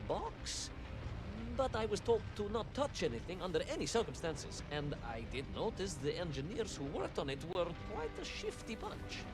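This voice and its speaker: Game role: jittery, stammering explorer, higher voice with a swinging, lively delivery, game music behind. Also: male voice, normal speed, exaggerated voice. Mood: nervous. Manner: hesitant, stammering, evasive. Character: bumbling nervous male explorer reporting back.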